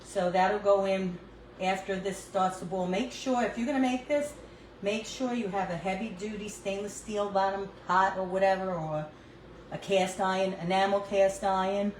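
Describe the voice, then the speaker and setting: This livestream host is an older woman with a New York accent, casually chatting and responding to viewers while she cooks at home, filmed on a phone. Her medium-pitched voice stays steady at normal speed, in a reverberant, low-quality recording with a little hiss or hum.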